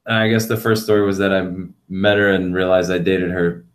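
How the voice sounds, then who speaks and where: A man's voice: low voice, fairly even intonation, fairly quick. A man co-hosting a casual podcast, rambling and swearing freely with lots of fillers. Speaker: podcast co-host. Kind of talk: casual chat. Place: home studio on webcam.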